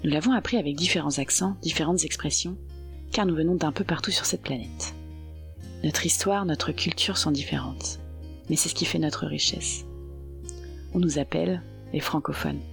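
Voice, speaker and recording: A woman reads a scripted podcast opening in a calm, measured way. Her voice sits on the low side, and soft guitar music plays faintly behind her. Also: creaky. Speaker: podcast host.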